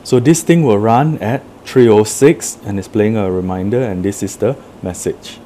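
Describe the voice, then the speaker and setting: Low, mellow man demoing a product. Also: normal speed, slight background noise. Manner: plain, step-by-step explaining. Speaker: product demonstrator. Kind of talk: casual product demo. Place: indoor office room with a table.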